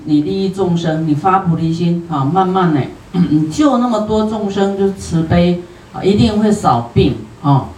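A Buddhist teacher with a Taiwanese Mandarin accent gives a sutra lecture in a homely, chatty manner, dotting sentences with drawn-out particles. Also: mid-range voice, darkish tone. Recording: roomy hall, distant from the mic.

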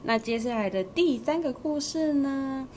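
A young woman with a Taiwanese Mandarin accent, co-hosting a podcast and telling a story in casual chat, lively and animated. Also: high-pitched, measured pace, a little hiss or hum. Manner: lively, animated storyteller who acts out quoted voices. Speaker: podcast co-host.

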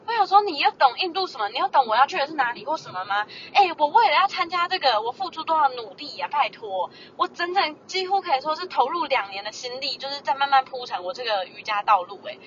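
A young woman, co-hosting a podcast and telling an exasperated, animated story while mimicking other people's voices. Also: high voice, quick pace, hardly any pauses. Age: early 20s. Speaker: podcast co-host. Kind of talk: casual chat, ranting storytelling. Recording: dull lo-fi audio with faint noise.

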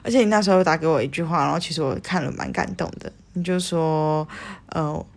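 A young Taiwanese woman tells a story on a podcast in a lowish voice with a gravelly edge. She acts out her own lines and drops casual curses as she goes. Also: a little fast. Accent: Taiwanese Mandarin. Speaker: podcast co-host.

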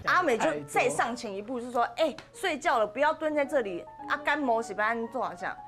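Lively Taiwanese woman spinning a ghost story. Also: high voice, fairly quick, faint music behind. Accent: Taiwanese Mandarin. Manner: animated, acts out the characters' lines. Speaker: podcast host. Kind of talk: casual ghost-story telling.

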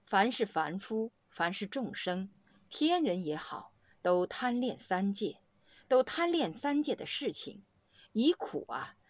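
A woman's voice: mid-range voice, darkish tone, no room sound. A woman giving a Buddhist discourse to students as a teacher, explaining doctrine step by step in a didactic, sage-like manner.

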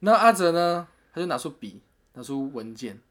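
A man's voice: a little high, moderate pace. A man, telling a story in a casual chat and acting out what people said. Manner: animated retelling with quoted voices and laughs.

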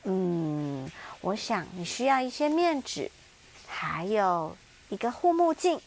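A woman's voice: mid-range voice, sing-song, takes it slowly, vocal fry, a little mellow, voice pushed down, heavily acted. A woman voicing a kind little bear in a children's story, tender and comforting.

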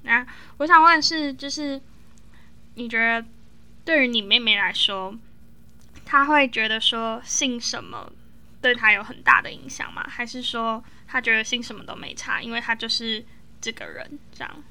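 A woman podcast host asking gentle, probing interview questions. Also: fairly high pitch, moderate pace, smooth.

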